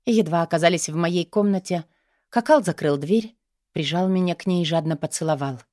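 A woman reading a first-person romance novel aloud in a measured, expressive voice. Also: lowish voice, no echo, studio quality. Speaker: audiobook narrator.

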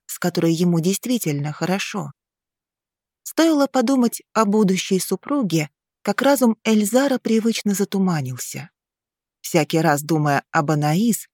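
A woman narrating a fantasy novel in a slow, measured audiobook reading on a close mic. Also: medium pitch, warm tone, dry recording.

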